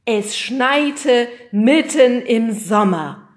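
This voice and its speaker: A woman's voice: mid-range voice, normal speed, close to an everyday voice. A woman voicing a zany male TV weatherman who announces everything theatrically. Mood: showy.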